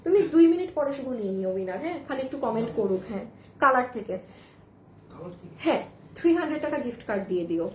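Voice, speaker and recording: High-voiced woman selling dresses live. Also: animated, fast talker. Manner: chatty, persuasive, addresses viewers as sister; says her voice is very loud. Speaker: online clothing seller. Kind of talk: live sales stream. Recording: echoey room with faint noise.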